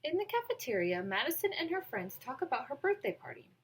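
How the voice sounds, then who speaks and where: A woman reading a children's picture book aloud in an expressive storytelling manner. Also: sits high, fast talker, slight background noise. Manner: expressive storytelling with acted dialogue. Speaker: read-aloud volunteer reader.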